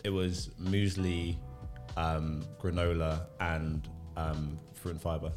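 A man's voice: low voice, flat delivery, takes it slowly, over music. A man in his thirties with a South London accent, an easygoing, teasing guest on a casual podcast. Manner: easygoing, teasing, lots of "yeah, yeah". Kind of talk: casual chat.

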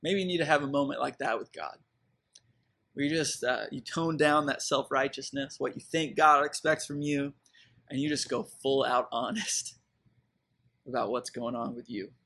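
A man's voice: medium pitch, normal speed, pushed and bright. A man, preaching a sermon in a conversational, reflective way with fillers and restarts. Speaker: pastor.

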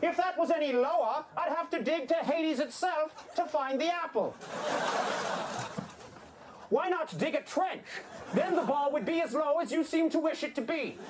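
An actor playing a pompous, indignant old-time baseball player in a comedy sketch, hurling florid old-fashioned insults. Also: male voice, very high voice, normal speed, noisy background. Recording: comedy sketch clip with loud audience laughter.

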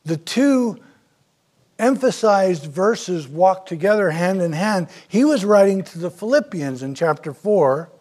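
A man's voice: high voice, expressive, a little slow, darkish tone. A man preaching a sermon as pastor, earnest and emphatic, rising in force on key points.

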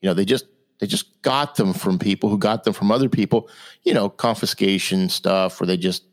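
A man co-hosting a political talk show, arguing in an incredulous, animated way. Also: brisk. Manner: incredulous, animated, rising to high exclamations. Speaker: co-host.

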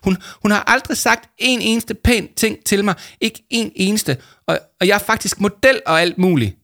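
Male reader doing a shrill stammering teen girl in a storybook, hot-tempered, pitched way up. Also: a bit bright. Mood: upset. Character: hot-tempered teenage girl, easily upset.

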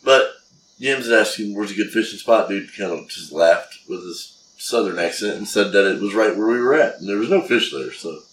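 A man's voice: lowish voice, animated, moderate pace, reverberant, a little hiss or hum, poor audio. A man in casual podcast chat, telling stories in a dry, matter-of-fact way.

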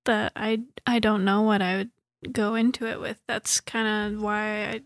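A woman's voice: mid-range voice, level tone, measured pace, no room sound, clean studio sound. A woman co-hosting a casual podcast chat, adding short comments and finishing the other speaker's sentences.

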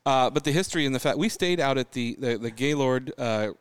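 A man co-hosting a podcast in casual chat, an animated storyteller who laughs often. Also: mid-range voice, fairly quick, clear, resonant tone, no room sound. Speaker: podcast co-host.

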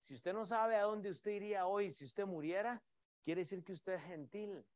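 A middle-aged man, preaching a sermon with emphatic swings in loudness and often calling his listeners brothers. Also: sits high, normal speed, no echo, clean studio sound. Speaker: pastor.

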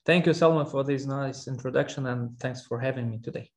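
A man from Armenia, a historian guest in an interview, speaking haltingly with many fillers and restarts. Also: medium pitch. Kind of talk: academic interview.

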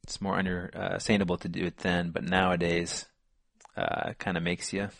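Low-voiced man co-hosting a podcast. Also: a little fast, creaky, no echo, clean studio sound. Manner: relaxed, lots of fillers. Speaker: podcast co-host. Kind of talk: casual chat.

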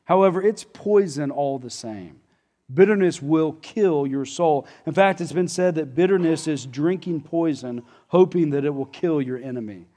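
Earnest preaching man, slightly high voice. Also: a little mellow. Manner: earnest, conversational preaching with frequent restarts and emphatic pauses. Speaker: pastor. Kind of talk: sermon.

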